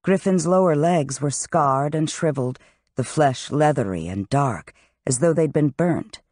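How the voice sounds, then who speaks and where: An audiobook narrator reading a fantasy novel with expressive, varied delivery. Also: mid-range voice, no echo, clean studio sound.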